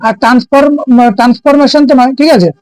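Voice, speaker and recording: Male teacher, high voice, dry close sound, keeps checking students follow. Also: fairly even intonation, fast, clear, resonant tone, no echo, rough recording. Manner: keeps asking students "ঠিক আছে?"; explains by asking and answering his own questions. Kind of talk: exam-prep lesson.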